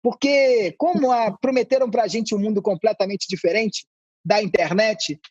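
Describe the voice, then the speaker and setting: A man who is an anthropologist, a guest on a podcast, explaining ideas in a relaxed, conversational way with playful asides. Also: sits high, moderate pace, no echo, lo-fi sound.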